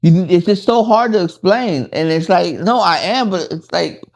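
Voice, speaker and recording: A middle-aged man speaking in a fairly high voice on a candid conversational podcast. His delivery is animated and emphatic, full of slang. He often laughs at himself. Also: normal speed, vocal fry. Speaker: podcast co-host.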